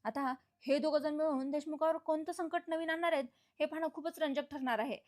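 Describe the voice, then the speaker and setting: A woman's voice: high voice, fairly even intonation, a little fast. A woman chattily retelling a TV serial episode and talking to her viewers as friends. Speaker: TV serial recap narrator. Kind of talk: casual storytelling recap.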